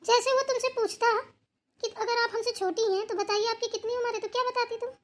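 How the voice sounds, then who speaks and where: A woman's voice: extremely high pitch, fairly even intonation. A woman doing a blunt, teasing old grandmother. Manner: bossy, teasing, quick retorts. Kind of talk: Hindi cartoon voice acting.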